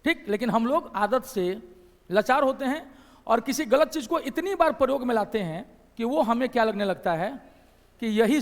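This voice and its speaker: A man from Bihar with a Bihari Hindi accent gives a classroom lecture in an extremely high-pitched voice, with a big-room sound. He explains things step by step, repeats phrases, and keeps putting questions to his class.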